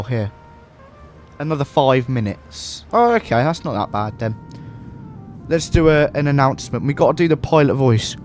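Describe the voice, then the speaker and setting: A man chatting casually on a flight sim livestream, relaxed and laughing often, speaking into a headset mic. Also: fairly high pitch. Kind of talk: casual livestream chat while flying. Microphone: headset microphone.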